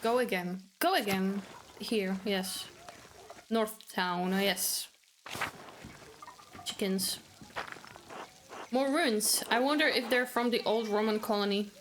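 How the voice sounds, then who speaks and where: A woman's voice: medium pitch, slow, pauses often, slight background noise. A woman playing a video game for the first time, chatting casually, talking back to the characters and swearing bluntly. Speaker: gaming streamer. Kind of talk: casual let's-play commentary.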